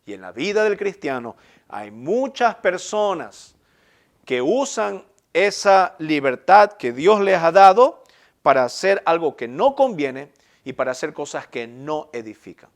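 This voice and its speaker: Middle-aged pastor guy preaching, voice on the higher side, punches key words then trails off soft. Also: very animated, unhurried. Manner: earnest, emphatic preaching with rising bursts and soft trailing ends. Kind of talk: sermon.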